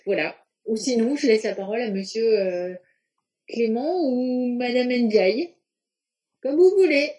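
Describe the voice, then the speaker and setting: A woman with a slightly high but mellow voice talks through feedback on a video call. She stops and restarts often and fills gaps with small sounds. The tone is loose and conversational. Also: unhurried. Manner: hesitant, many restarts and fillers. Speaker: teacher leading a video-call review. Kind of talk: casual spoken feedback. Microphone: video call on computer.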